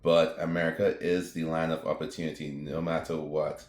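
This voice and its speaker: Very deep-voiced man in an echoey room. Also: moderate pace. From Trinidad and Tobago. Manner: relaxed and rambling, with fillers and asides to viewers. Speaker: retired veteran vlogger. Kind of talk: casual talking-to-camera vlog.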